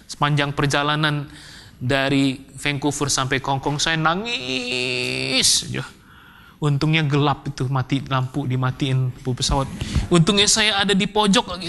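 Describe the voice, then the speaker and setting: A male pastor with a bright, forceful voice pitched a little high. He preaches by telling his own story, sinking to near-whispers and then swelling into strong, emphatic lines. English phrases slip into his talk. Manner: confessional storytelling, swinging between hushed whispers and emphatic outbursts. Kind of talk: sermon.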